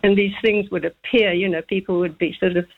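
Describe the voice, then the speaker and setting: Speaking fairly quickly with a breathy edge, a woman in her seventies from Zambia phones in to a radio show and recounts a childhood memory, rambling, chatting, and laughing often. Her voice is medium in pitch with fairly even intonation, and the phone line sounds tinny.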